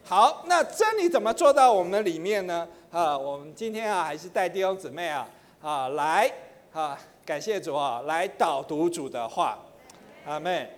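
A middle-aged man teaching in church, chatty with many fillers, slowing into chanted prayer. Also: a little high, expressive. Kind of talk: sermon teaching. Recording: long hall reverb.

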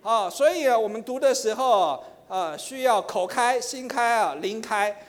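A middle-aged man teaching in church, chatty with many fillers, slowing into chanted prayer. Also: extremely high pitch. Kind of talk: sermon teaching. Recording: long hall reverb.

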